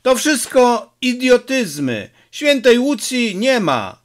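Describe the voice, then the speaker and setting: A man's voice: very high voice, very animated, slow, voice pushed up, exaggerated voice. A man voicing an angry, short-tempered village father who scolds his son, in an audiobook reading. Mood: angry, scolding. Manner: scolding, exasperated.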